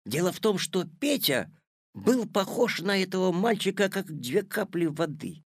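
A man reading a children's tale aloud as narrator, with expressive storytelling on a close studio mic. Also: high-pitched, a little slow, breathy edge, no echo. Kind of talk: audiobook narration.

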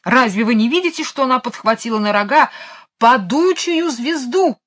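A woman's voice: on the low side, lively intonation, normal speed. A woman reading a storybook aloud, voicing an irritable bossy king who barks orders. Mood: shouting. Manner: irritable, barking, shouting. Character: irritable bossy fairy-tale king, male, middle-aged.

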